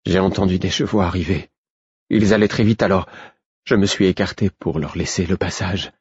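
A man's voice: sits low, fairly even intonation, normal speed, husky, dry recording, muffled recording. A man voicing a frightened, breathless young servant woman who tells her story in a rising, fearful voice.

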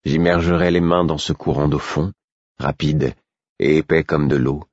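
Man, audiobook narrator, very low voice, husky, measured reading, dry dull recording. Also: fairly even intonation, a little mellow, no echo. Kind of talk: scripted first-person narration.

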